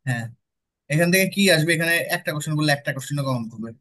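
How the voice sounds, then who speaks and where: A man's voice: fairly high pitch, very fast, bright, forceful tone. A young man with a Bangladeshi accent tutoring students, explaining step by step and checking in with them often. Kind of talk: classroom lecture with student questions.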